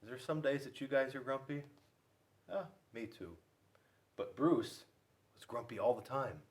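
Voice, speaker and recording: A school officer reads a picture book aloud to children, playful and animated, asking his young listeners questions directly. His mid-range voice is unhurried, and there's slight background noise.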